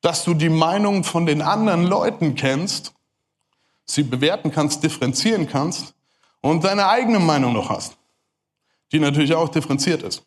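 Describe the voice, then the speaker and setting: A man with a German accent giving a lively sermon, talking fast and speaking straight to the audience. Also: fairly high pitch. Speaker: preacher. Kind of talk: lively sermon talk to a crowd.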